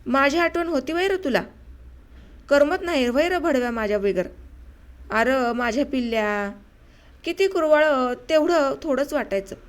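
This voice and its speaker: A woman narrator voicing an excited, mischievous village boy who talks in rustic speech in a storybook reading. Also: high voice, normal speed, few pauses, close to an everyday voice. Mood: affectionate.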